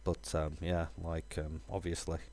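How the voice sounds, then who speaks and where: A man streaming a game, talking casually in a rambling, halting way with lots of fillers. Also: very deep voice, flat delivery, dark tone. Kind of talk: casual live-stream chat.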